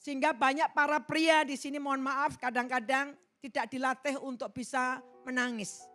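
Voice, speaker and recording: A woman's voice: high voice, fairly even intonation, moderate pace. Emphatic woman preacher, faint music behind. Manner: emphatic, swings from loud exhortation to soft asides. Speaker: pastor. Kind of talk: sermon. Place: large church hall.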